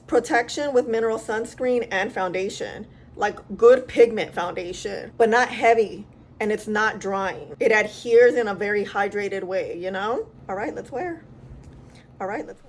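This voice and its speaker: A woman's voice: fairly high pitch, a bit bright. A woman beauty vlogger chatting casually and expressively to her viewers while testing makeup. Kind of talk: casual beauty vlog chat.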